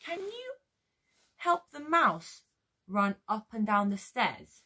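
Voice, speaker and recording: A woman with a British accent leading a music lesson for toddlers, singing and telling a story in a slow, exaggerated way. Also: fairly high pitch, wildly swooping pitch, pushed and bright, slightly rough. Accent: British English. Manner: sing-song, slow and exaggerated for small children. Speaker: children's music teacher. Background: guitar music.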